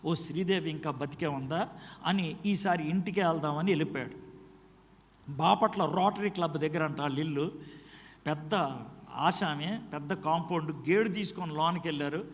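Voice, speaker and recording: A male preacher tells a story during a sermon, acting out each exchange of dialogue. His voice sits a little high for a man. It rings with a long reverb in a large hall. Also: normal speed.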